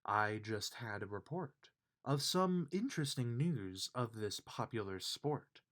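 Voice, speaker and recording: Reading a rhyming children's book aloud, a man takes an unhurried pace. His medium-pitched voice rises and falls widely, lending the verses an expressive, sing-song lilt.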